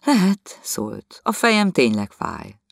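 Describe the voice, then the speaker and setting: A man's voice: mid-range voice, huge pitch swings, creaky, fairly bright tone, no room sound, clean studio sound, pitched above the performer's own voice, heavily acted. A man reading the part of a lovesick, boastful young man who confides eagerly in his friend. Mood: confiding.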